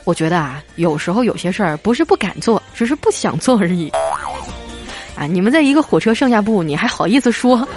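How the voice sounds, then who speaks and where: A woman hosting a radio-style show, reading listener jokes aloud with playful storytelling and drawn-out particles. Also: medium pitch, very animated, a little mellow, soft background music.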